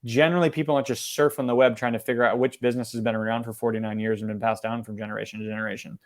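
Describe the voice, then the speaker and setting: A man presenting a marketing lesson, talking fast and conversationally, with many fillers and restarts. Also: medium pitch, flat delivery. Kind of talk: webinar presentation.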